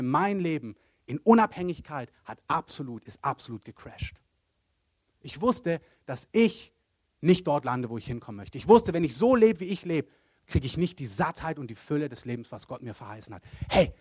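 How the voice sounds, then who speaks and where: A man preaching a sermon, earnest, dropping to hushed low lines and rising to loud emphatic bursts. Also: big pitch swings, moderate pace, slightly rough, no room sound, studio quality.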